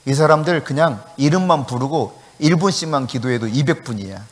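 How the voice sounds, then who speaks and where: A male pastor preaching a sermon, telling a story with acted-out dialogue and sudden shouted commands. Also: medium pitch, fairly quick, big-room sound. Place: church sanctuary.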